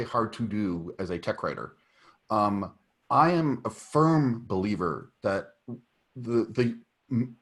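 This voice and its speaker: A man with a somewhat low voice talks over a video call. He gives firm advice, doubling back and restarting his sentences as he goes. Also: fairly bright tone. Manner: emphatic, advising, with fillers and restarts. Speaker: technical writer at a meetup. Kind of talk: casual video call discussion.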